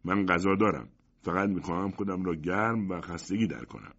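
A man's voice: low voice, a bit bright. A man voicing a lonely male monster who speaks politely and anxiously, pleading for friendship, in a storybook reading. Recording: dull lo-fi audiobook recording.

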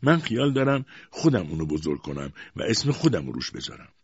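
A man's voice: on the low side, sing-song, husky, no echo, pitched above the performer's own voice, exaggerated voice. A harsh, cold old aunt, as a man puts her on. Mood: cold, stern. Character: stern, harsh older spinster aunt, woman. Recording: dull lo-fi dry recording.

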